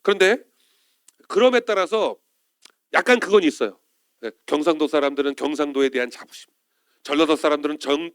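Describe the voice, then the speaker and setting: Pastor man, slightly high, dry sound. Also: dry recording. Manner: often turns to the congregation with questions. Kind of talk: afternoon Sunday sermon. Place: church.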